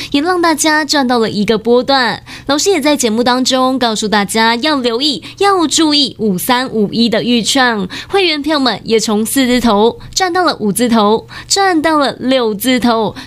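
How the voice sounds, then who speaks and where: A woman with a Taiwanese accent hosting in an infomercial style, pitching emphatically with gushing, repetitive salesmanship. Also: a bit bright. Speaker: TV show host and pitchwoman.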